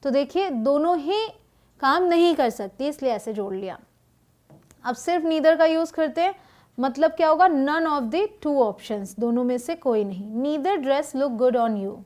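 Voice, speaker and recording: A woman teaching an English grammar lesson, reading example sentences slowly and deliberately and checking in with quick asides to her students. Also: high voice, a little mellow.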